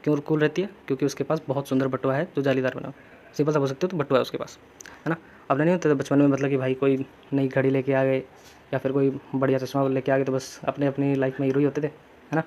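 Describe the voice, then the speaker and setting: A man's voice: mid-range voice, flat delivery, quick pace, darkish tone, dull audio. A young man teaching English vocabulary in casual Hindi mixed with English, chatty and telling little stories as memory tricks.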